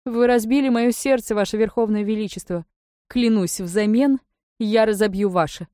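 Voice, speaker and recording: A woman voicing a capricious, tearful young court favorite who pleads in a high-strung way. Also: fairly even intonation, fairly quick, warm tone, dry recording, clean studio sound, natural voice. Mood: furious.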